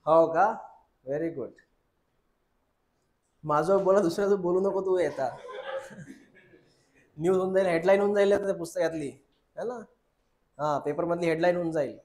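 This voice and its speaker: A man's voice: sits high, normal speed, long pauses, a little mellow, roomy sound. A male biology teacher lectures a class, drilling students with repeated questions and calling them "beta".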